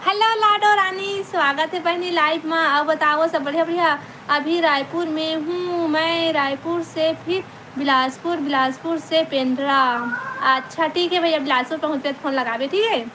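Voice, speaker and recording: A woman's voice: high-pitched, steady tone, moderate pace, bright, forceful tone, a little hiss or hum, low-quality recording. A woman with a Chhattisgarhi accent, chatting casually on her live stream, greeting viewers by name and laughing often, on a phone mic. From Chhattisgarh, India.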